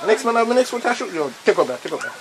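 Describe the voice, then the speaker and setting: A man giving casual, slangy play-by-play commentary on a pickup football game, rambling between plays and shouting at the big moments. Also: high voice, very animated, very fast, background noise. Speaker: amateur commentator.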